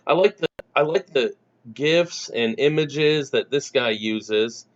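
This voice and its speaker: A man's voice: mid-range voice, takes it slowly. Casual man hosting a stream call. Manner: casual, repeats phrases. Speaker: livestream host. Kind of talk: casual group chat on a livestream. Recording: dull lo-fi call audio.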